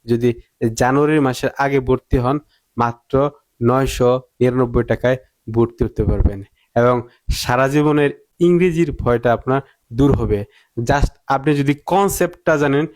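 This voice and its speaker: A man's voice: medium pitch, a little mellow. A man teaching English pronunciation, repeating drill words again and again and answering his own questions. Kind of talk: spoken pronunciation lesson.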